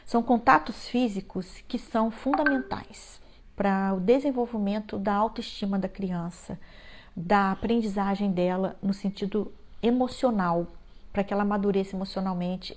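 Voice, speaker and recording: A woman with a Brazilian Portuguese accent giving heartfelt advice to parents, stressing key phrases and slowing right down on them. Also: medium pitch. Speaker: parenting educator.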